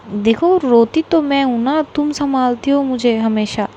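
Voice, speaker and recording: A woman with a Bengali accent voicing a caring young woman who comforts and gently teases her partner. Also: a little slow, a little hiss or hum. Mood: teasing scold. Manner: soothing then teasing, a bit higher and brighter.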